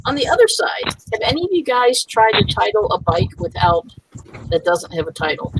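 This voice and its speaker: Wry woman with a lively voice. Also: mid-range voice, moderate pace, background noise. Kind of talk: casual group chat.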